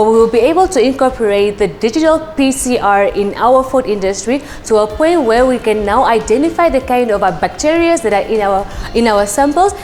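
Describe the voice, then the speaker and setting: A woman's voice: on the high side, long reverb tail. A woman, a lab technician, giving an earnest testimonial with frequent fillers. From Namibia. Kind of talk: interview testimonial. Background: soft background music.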